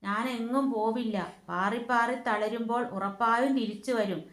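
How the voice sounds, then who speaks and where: A woman's voice: a little high, normal speed, echoey room, lightly acted. Pattoos, a woman doing a playful boy kite. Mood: pleading. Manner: pleading, excitable. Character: playful young boy kite who loves flying.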